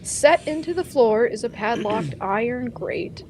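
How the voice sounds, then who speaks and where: A woman's voice: on the high side, animated, unhurried, a little mellow, a little hiss or hum. A woman running a tabletop game as game master, narrating in a casual, playful way.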